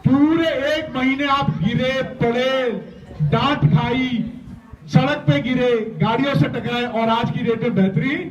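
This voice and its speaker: Male motivational speaker, high voice, coaching students to chant back, muffled sound with a crowd behind. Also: steady tone, measured pace. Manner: emphatic, prompts the crowd to repeat after him. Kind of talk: motivational talk with call-and-response. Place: school gathering with many students. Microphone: handheld or stage mic. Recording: echoey, distant, dull sound with crowd.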